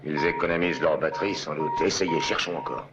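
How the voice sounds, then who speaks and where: A man's voice: sits low, a little fast, close to an everyday voice. An actor playing an attentive male supervisor in a control room in a dubbed 1960s TV drama, with clipped, questioning speech. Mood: focused. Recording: dull, hissy old TV soundtrack.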